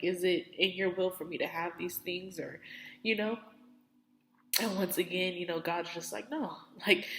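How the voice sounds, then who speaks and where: A woman's voice: fairly low pitch, a bit bright, echoey room, long reverb tail. A young woman talking about her faith while teary, in a rambling, heartfelt way full of "like" and "you know". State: teary, on the verge of crying. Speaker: faith vlogger. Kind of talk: emotional personal testimony.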